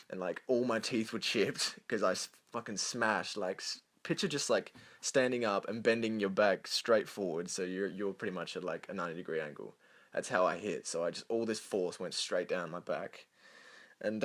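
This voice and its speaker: A man's voice: fairly low pitch, a bit bright. A young man casually telling a long personal story, rambling, swearing a lot and laughing between lines. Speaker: storyteller over gameplay.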